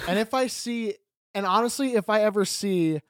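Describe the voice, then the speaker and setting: Young man explaining earnestly, somewhat high voice. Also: moderate pace, dry recording, studio quality. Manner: earnest, explains at length with run-on sentences. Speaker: podcast co-host. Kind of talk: casual chat.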